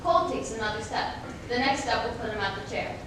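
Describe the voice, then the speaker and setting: On stage, a young adult woman delivers dramatic scripted narration in a deliberate way. The mic is distant, the room echoey, and a noisy rumble runs through it.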